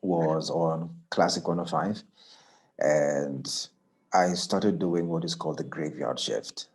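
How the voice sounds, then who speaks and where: Deep voiced radio guy telling stories, acts out the quotes, lots of "and, and". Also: slow. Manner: animated storyteller, acts out quoted voices higher and louder; repeats words when starting sentences. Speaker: radio announcer, interview guest. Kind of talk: casual storytelling interview.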